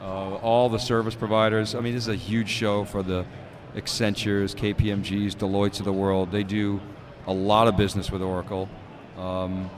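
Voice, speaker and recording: Co-hosting live commentary from a conference studio booth, a middle-aged tech show host talks analytically at a normal pace with few pauses, though fillers abound. His low voice barely moves in pitch. A handheld stand mic picks him up over a busy crowd.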